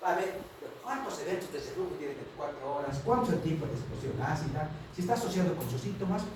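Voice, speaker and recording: A man's voice: a little high, animated, fast. A man giving a medical lecture to students, who keeps checking in with his class as he talks. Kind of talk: university lecture. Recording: very echoey room, distant mic, noisy.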